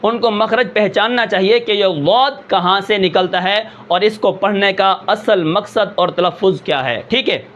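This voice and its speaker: A man's voice: high-pitched, fairly bright tone. A man teaching a tajweed pronunciation lesson as a Quran recitation teacher. He explains patiently, asks himself questions and checks in with "okay". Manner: slows and draws out words to demonstrate sounds. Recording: dull, slightly lo-fi sound.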